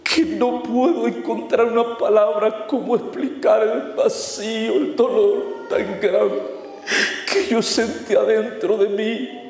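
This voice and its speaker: A man's voice: high-pitched, steady tone, slow pace, creaky, a little mellow. A man preaching as an evangelist, giving an impassioned sermon testimony with repeated appeals to his brethren. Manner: impassioned, repetitive, addresses brethren. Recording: echoey hall.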